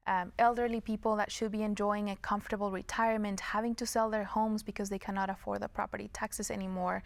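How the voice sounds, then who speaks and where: Female interviewee, political candidate, earnest explainer, creaky texture, very dry close sound. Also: medium pitch, dry recording.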